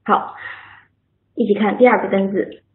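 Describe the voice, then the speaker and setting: A woman's voice: medium pitch, steady tone, moderate pace. A woman teaching an English vocabulary lesson on a video call, encouraging and praising her students and drilling words by repetition. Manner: drills words by repeating them. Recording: tinny phone-like line, echoey room.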